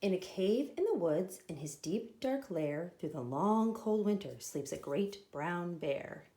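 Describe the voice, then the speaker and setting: A woman reading a children's picture book aloud expressively, with deliberate, dramatic emphasis on the sound words. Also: lowish voice, expressive, mellow. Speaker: storybook reader.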